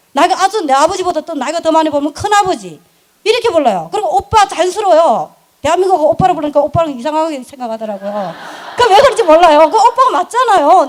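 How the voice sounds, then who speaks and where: A middle-aged woman, telling her business story in an animated, emphatic way and laughing often. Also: extremely high pitch. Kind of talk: lively storytelling talk.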